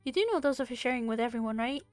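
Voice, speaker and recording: A soft-spoken, well-mannered young woman who bakes cookies and loves simple romance, voiced by a woman reading a story game aloud. Her voice sits a little high and sounds close and dry. Quiet music plays faintly behind her. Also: racing, no room sound, close to an everyday voice. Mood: gentle. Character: gentle refined young woman baker. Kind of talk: reading a visual novel aloud.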